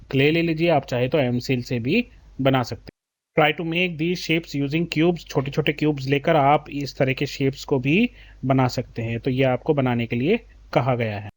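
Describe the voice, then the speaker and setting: A patient male teacher walks young pupils through a maths workbook. His voice sits a little high for a man. He reads English questions slowly, then explains them in Hindi. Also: dry recording. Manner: patient, addresses children as beta. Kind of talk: explaining a class 3 maths textbook.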